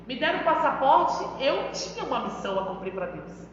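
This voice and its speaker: Brazilian woman missionary sharing her testimony, high voice, long church reverb, dull sound. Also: very animated, a little fast, slight background noise. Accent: Brazilian Portuguese. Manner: emphatic, addresses the pastor often. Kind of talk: testimony preaching. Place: church hall.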